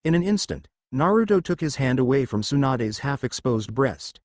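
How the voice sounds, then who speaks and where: Male storyteller with lively pitch. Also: normal speed, no echo, clean studio sound. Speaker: narrator. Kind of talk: scripted fan-fiction narration.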